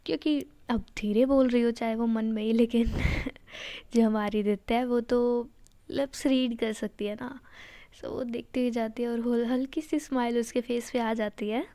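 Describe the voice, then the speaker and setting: A woman's voice: a little high, fairly even intonation, a little slow, dark tone. A woman telling a romance story in a casual, chatty way, dropping in English phrases.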